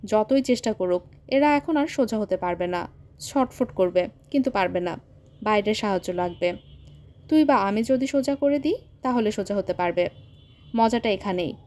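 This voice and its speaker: A woman voicing a stern young uncle who speaks gravely and earnestly in an audio story. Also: mid-range voice, animated, normal speed, a little mellow, close to an everyday voice. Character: stern young uncle, calm but firm man.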